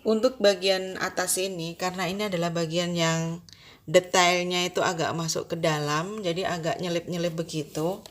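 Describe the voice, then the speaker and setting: A woman explaining sewing machine upkeep step by step, slow and instructive, addressing the viewer formally. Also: fairly low pitch, steady tone. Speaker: sewing tutorial host. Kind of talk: step-by-step tutorial narration.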